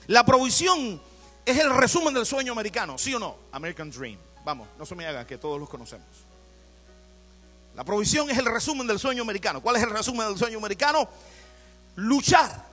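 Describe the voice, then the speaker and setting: In church, a pastor with a bright, high voice delivers an animated sermon, throwing rhetorical questions at the congregation.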